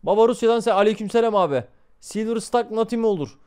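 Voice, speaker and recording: A man's voice: high voice, quick pace, darkish tone, clear, resonant tone. A young man streaming a game live, swearing constantly and talking to his chat. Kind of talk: live gameplay commentary.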